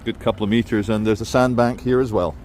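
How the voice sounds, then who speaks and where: A man's voice: fairly low pitch, fairly even intonation, quick pace, darkish tone. Man rambling outdoors over faint city noise. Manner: rambling, opinionated commentary. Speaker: vlogger. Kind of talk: walking vlog monologue. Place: outdoors in a city, walking by a river.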